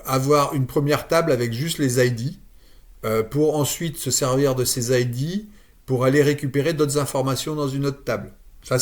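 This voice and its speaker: A man walks through a software screen-share, explaining as he goes. He pauses often, restarts his phrases and fills the gaps with hesitant sounds. His voice sits at a middle pitch. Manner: thinks aloud with many fillers and restarts. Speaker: automation tutorial presenter.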